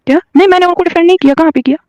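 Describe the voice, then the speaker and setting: A woman's voice: extremely high pitch, darkish tone, dry recording, muffled recording. A woman from Kashmir, calling in to a heated debate and answering defensively and emotionally. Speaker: caller.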